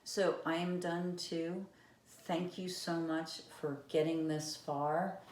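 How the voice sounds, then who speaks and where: A woman's voice: fairly low pitch, fairly even intonation, slow, darkish tone. A woman vlogging about knitting in casual, rambling chat with many fillers. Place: room with vinyl playing. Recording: echoey room, music behind. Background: eighties vinyl record playing.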